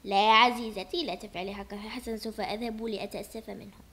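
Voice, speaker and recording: Weary widowed dad for a toy doll play, low and hushed, pleading, put on by a woman. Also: lively intonation, a little fast. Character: strict, weary widowed father, middle-aged man.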